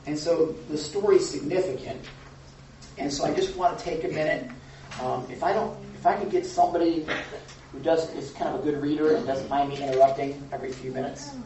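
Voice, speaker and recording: Leading a relaxed Bible study with a group in a church room, a pastor talks a little fast in a high-leaning, dark-toned voice, questioning the group and chuckling a lot. Heard from far off in an echoey room, the recording is dull and lo-fi, with slight background noise.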